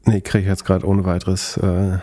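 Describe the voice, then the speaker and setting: A man's voice: sits low, monotone, moderate pace, warm tone. A man hosting a podcast, chatting casually and analytically about finance, often thinking aloud hesitantly.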